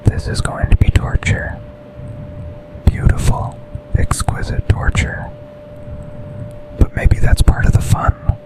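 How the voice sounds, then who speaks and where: In this whispered ASMR boyfriend roleplay, recorded roughly, a man lightly acts the part of an intense, possessive, tender office boss. He speaks in breathy, brief, deliberate phrases, sounding hushed and fond.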